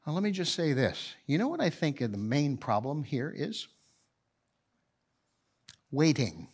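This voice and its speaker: A man preaching a sermon, telling Bible stories with lively acted-out voices and dropping to a hush in prayerful moments. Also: fairly high pitch, measured pace, slightly rough. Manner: animated storyteller, acting out voices, swinging from hushed to loud. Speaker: pastor. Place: church.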